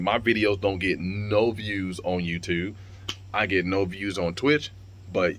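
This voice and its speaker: A man's voice: low-pitched, fairly bright tone. A young man talking straight to camera in a casual vlog, blunt and heated, swearing freely and stumbling over repeated words. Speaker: vlogger and streamer.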